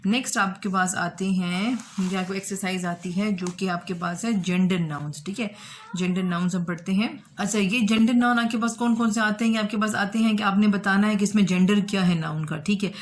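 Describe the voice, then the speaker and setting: A woman's voice: medium pitch, steady tone, a little fast, slight background noise. A woman English teacher patiently walking students through exercises, giving many examples and often checking with "okay". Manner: explains patiently with examples, switches between Hindi and English, repeats "ठीक है". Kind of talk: classroom explanation of an exercise.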